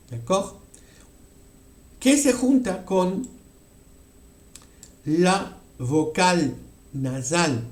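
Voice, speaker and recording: A man with a high-pitched, darkish voice teaches a French pronunciation lesson, repeating words aloud several times and often checking in with his students. The explanatory language lesson has a roomy sound.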